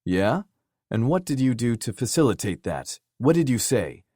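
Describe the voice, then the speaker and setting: A brash, blunt brother shouts his questions in a raised, pushy voice, put on by a male narrator. The audiobook sound is dry and close. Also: lowish voice, sing-song, moderate pace, no room sound. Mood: loud, blunt. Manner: loud, demanding, swearing. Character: loud blunt grown man, brash brother.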